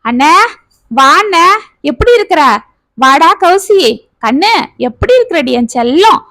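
A woman voicing a loving, worried sister in a family storybook tale, fussing over her brother's health. The voice runs high and sounds close and dry. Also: big pitch swings, unhurried, a bit bright, no room sound, full character voice. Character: loving middle-aged village sister, fussing and caring.

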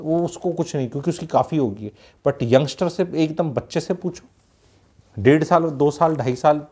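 A man's voice: on the high side, a little mellow. A man from Haryana giving blunt advice to young people, mixing in English phrases and asking rhetorical questions. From Haryana, India. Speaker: youth advice speaker. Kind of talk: casual advice talk.

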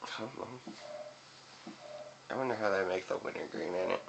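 A man's voice: sits low, normal speed, gravelly. A young man chatting casually to camera, rambling and swearing, with chewing tobacco in his mouth. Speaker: video reviewer. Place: small room indoors by a window. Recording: noisy webcam-style room recording.

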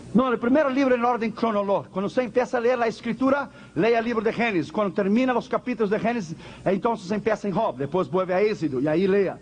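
A man's voice: high voice, slight background noise. A man preaching a fervent, emphatic sermon as pastor, repeating phrases and asking the congregation questions.

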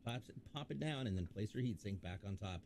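A man's voice: on the low side, expressive, brisk, darkish tone, a little hiss or hum. A man hosting a livestream PC build, chatty and joking while reading viewer questions aloud. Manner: chatty, jokey, reads viewer chat aloud. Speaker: livestream host. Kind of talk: casual livestream chat.

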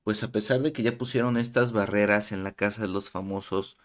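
A man's voice: fairly low pitch, brisk. A man giving casual commentary for his YouTube channel, talking loosely with frequent hesitations. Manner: relaxed, hesitant with frequent "eh" fillers. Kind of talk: casual reality-show commentary.

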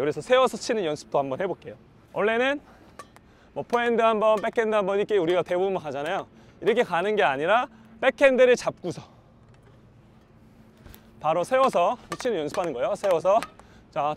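A man teaching badminton defense, explaining and counting his strokes aloud while he hits against a wall. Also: high voice. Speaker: badminton coach. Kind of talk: instructional demo while practicing.

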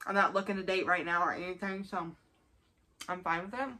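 A woman's voice: lowish voice, level tone, fairly quick, pushed and bright, slight background noise. A woman of twenty-five talking casually to the camera in a rambling, informal way, often repeating herself. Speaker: vlogger filming a mukbang. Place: small bedroom, indoors. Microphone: camera a short distance in front of her.

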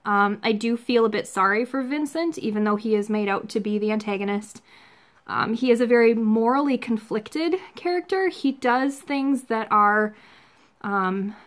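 A woman's voice: on the high side, moderate pace. A woman in her thirties chatting casually through a book review in a conversational, musing way at home. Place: small home room, indoors.

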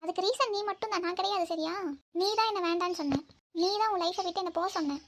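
Cartoon role: an angry young lover, very high, rattles off reproaches. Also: female voice, quick pace, a crowd in the background. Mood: hurt. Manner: reproachful, demanding. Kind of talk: cartoon voice acting.

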